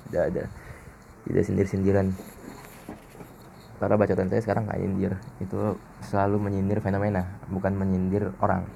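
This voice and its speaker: Man, dark mellow tone, casual podcast monologue, blunt and joking. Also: sits low, vocal fry, slight background noise. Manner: blunt, slangy, self-mocking. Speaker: podcast host.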